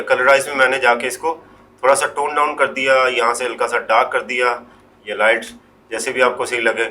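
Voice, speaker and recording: A man presenting a screen-recorded Photoshop tutorial, explaining step by step in an unhurried way, often trailing off quietly and mixing English words into his Hindi. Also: mid-range voice, slight background noise.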